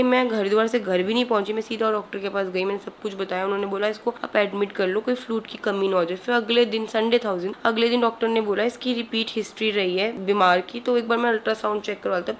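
A young woman with a somewhat high voice talks straight to her viewers in a casual family vlog. She is chatty and open, and faint noise sits under her voice. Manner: chatty, speaks to viewers directly. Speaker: vlogger and mother.

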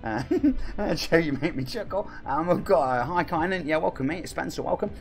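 A man's voice: a little high, animated, normal speed, faint music behind. A man in his forties with a Nottingham accent, chatting casually on a live stream and reading viewer comments aloud in a cheeky way. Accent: Nottingham English. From England. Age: 40s.

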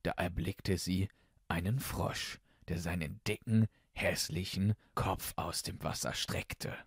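A man reading a fairy tale aloud in a calm, soothing way. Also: low voice, slightly rough, no room sound, clean studio sound. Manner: slow, even and soothing. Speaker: storyteller.

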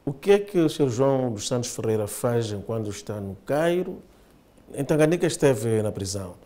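A middle-aged man hosting a studio TV interview, asking measured, formally phrased questions. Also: medium pitch, sing-song, warm tone.

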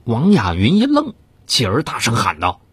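A man's voice: huge pitch swings, normal speed, fairly bright tone, husky, dry recording. A man narrating a dramatized true-crime story in a theatrical, suspenseful way. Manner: theatrical, swings of pitch for suspense.

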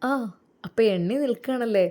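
A woman performs a gentle widowed male religious teacher for a spoken story drama. The voice is mellow and warm, and the delivery is soft and coaxing. He reassures in a tender, unhurried way. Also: on the high side, voice pushed up, lightly acted.

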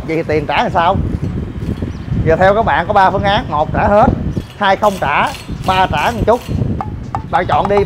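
A man's voice: high voice, noisy background. A man ranting to viewers while inspecting shoddy building work, scolding and exasperated. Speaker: gym owner and vlogger. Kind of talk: ranting vlog walk-through.

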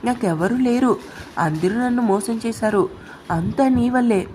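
A woman's voice: fairly high pitch, measured pace, warm tone, a little hiss or hum, lightly acted. A woman voicing a heartbroken young woman who is drunk and crying, her speech slurred and angry. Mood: tearful.

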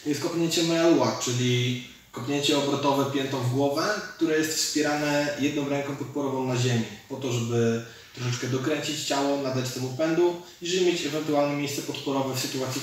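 With a mid-range voice, a thirty-something martial arts coach walks students through techniques, explaining as he demonstrates them hands-on. The camera mic sits several metres away in a large indoor gym with a fighting cage, giving a distant, very echoey, noisy recording.

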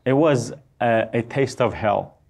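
A man's voice: mid-range voice, unhurried, gravelly, a little mellow. Persian-accented man giving earnest testimony. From Iran. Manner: earnest, with frequent "uh" fillers. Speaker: guest. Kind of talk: interview testimony. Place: TV studio. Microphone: lapel mic.

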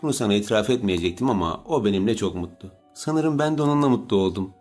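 A man's voice: on the low side, expressive, quick pace, darkish tone, soft background music. A man voicing an obsessive, pushy young woman in an audiobook, with a raised, pleading delivery. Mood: taunting. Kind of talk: audiobook character reading.

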